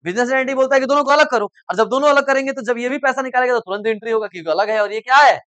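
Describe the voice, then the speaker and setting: A middle-aged male teacher lectures in a coaching classroom with a high voice, talking very fast. He explains in simple terms with everyday examples and keeps prodding students to answer whether they follow. The sound is dry and close. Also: a bit bright, no room sound. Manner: repeatedly asks "samajh mein aa raha hai?" and prods students to answer.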